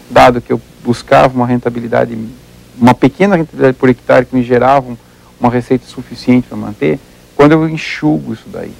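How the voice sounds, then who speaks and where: Gravelly husky Brazilian man explaining. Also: medium pitch, a little mellow, low-quality recording. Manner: methodical, repeats words while thinking, works through examples. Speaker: livestock researcher, interview guest. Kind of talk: explanatory interview talk.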